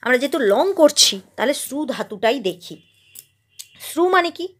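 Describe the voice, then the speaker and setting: High-voiced woman teaching grammar. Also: lively intonation, moderate pace. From West Bengal. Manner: asks and answers her own questions, drills forms. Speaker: Sanskrit teacher. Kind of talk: grammar lesson.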